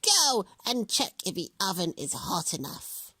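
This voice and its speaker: A man reading a storybook aloud and voicing a wicked old witch who draws out her words in a shrill screech. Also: very animated, pushed and bright, breathy edge, no echo, exaggerated voice. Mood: impatient. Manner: screeching, drawn-out and slow.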